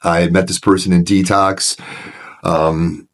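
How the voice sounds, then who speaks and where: Middle-aged guy, real deep voice, talking straight about his own life, lots of stop-and-restart, gets fired up reliving stuff. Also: unhurried. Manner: earnest and frank, frequent restarts, grows animated when retelling scenes. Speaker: recovery director, podcast guest. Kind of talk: candid personal storytelling in conversation.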